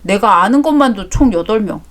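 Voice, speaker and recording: A woman's voice: medium pitch, lively intonation, fairly quick, close to an everyday voice. Woman doing a crude gossiping fruit seller. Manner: crude, boastful storytelling. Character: boastful middle-aged male fruit seller, crude gossip.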